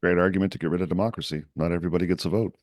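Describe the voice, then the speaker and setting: A man's voice: deep voice, fairly even intonation, racing, a little mellow, dry recording, studio quality. A man co-hosting a finance podcast, wry and teasing, often restarting his sentences. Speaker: co-host. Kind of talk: casual finance podcast chat.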